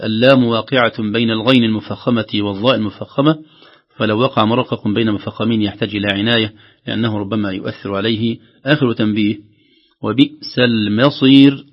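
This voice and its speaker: Gravelly, husky man teaching recitation. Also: lowish voice, muffled recording. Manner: measured, stretches out quoted verses slowly. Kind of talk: explaining recitation rules with spoken examples.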